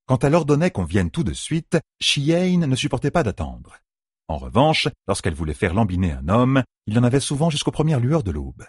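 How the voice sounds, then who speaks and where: A man reading a novel aloud as an audiobook narrator, with expressive rising and falling delivery. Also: mid-range voice, brisk, slightly rough, dry recording, clean studio sound. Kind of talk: scripted narration.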